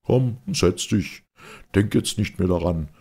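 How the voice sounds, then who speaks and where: Man voicing a sarcastic agitated gentleman, loud raised voice, husky gravelly tone, audiobook reading. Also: deep voice, animated, slow, pitched above the performer's own voice, heavily acted. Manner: agitated, sarcastic, raising his voice.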